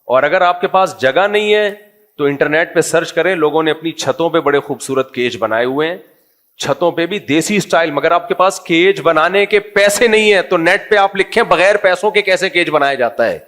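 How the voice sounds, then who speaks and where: A man's voice: on the high side, fairly bright tone. A middle-aged man, a religious scholar, giving a humorous, conversational religious talk and quizzing his audience.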